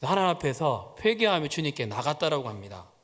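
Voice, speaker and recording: A man's voice: on the high side, big pitch swings, a little fast, a bit bright. A man preaching a sermon, telling a personal story and acting out the quoted voices. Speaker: pastor. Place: church sanctuary. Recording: long church-hall reverb.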